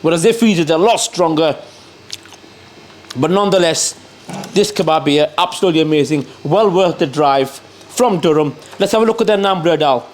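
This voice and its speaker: A man with a slightly high voice reviews takeaway food casually on camera. He talks between bites, repeating pet phrases and speaking to his cameraman. There is noticeable noise behind him. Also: normal speed. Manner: repeats catchphrases and addresses the cameraman. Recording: clear background noise.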